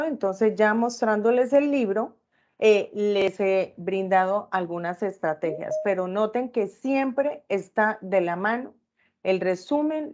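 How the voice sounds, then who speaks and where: A woman's voice: medium pitch, darkish tone, lo-fi sound. A woman teaching an online class, often checking in with her students through short tag questions.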